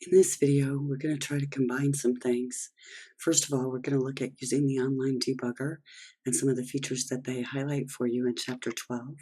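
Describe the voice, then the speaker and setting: A programming instructor, hoarse and losing their voice, explaining step by step while working through a screen-recorded coding lesson. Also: mid-range voice, little pitch movement, fairly quick, mellow.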